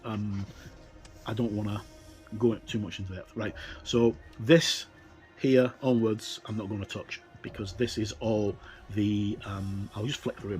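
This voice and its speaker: A middle-aged tabletop game reviewer with a lowish, slightly mellow voice gives casual, unscripted commentary while talking through a rulebook. He thinks aloud using hesitant, informal phrasing.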